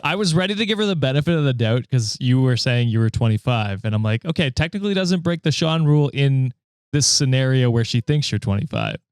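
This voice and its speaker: A giggly man co-hosting a podcast teases the others. His pitch swings widely as he talks, and the sound is close and dry. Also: expressive, fast talker, smooth, dry recording. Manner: giggly, teasing. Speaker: podcast co-host. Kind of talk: casual chat.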